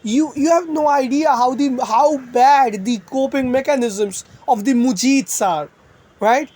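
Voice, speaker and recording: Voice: high voice, measured pace, a little mellow. Sarcastic young commentator ranting. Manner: profane, sarcastic, rambling. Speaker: online commentator.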